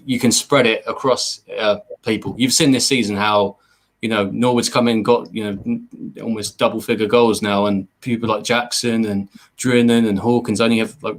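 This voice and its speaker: An English man co-hosting a fan podcast, talking earnestly at length with lots of fillers. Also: on the low side. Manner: earnest, rambling with many fillers. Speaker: podcast co-host. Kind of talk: casual fan podcast chat.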